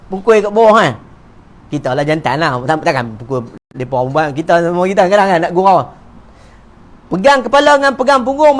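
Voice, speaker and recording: A Malaysian man with a Malay accent giving an evening talk in a neighbourhood prayer hall, lively and joking, acting out little dialogues. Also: sits high. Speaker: religious teacher.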